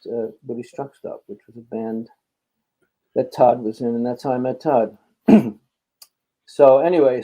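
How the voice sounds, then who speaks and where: A man's voice: medium pitch, warm tone, rough recording. An older American man from Philadelphia chatting casually as an interview guest, telling rambling anecdotes. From Philadelphia, United States. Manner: rambling storyteller.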